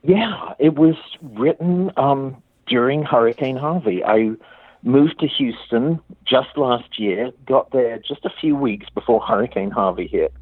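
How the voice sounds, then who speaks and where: A man's voice: medium pitch, unhurried, breathy edge, dry recording. A male playwright being interviewed, speaking thoughtfully with many restarts over a phone line. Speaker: playwright guest. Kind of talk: interview conversation.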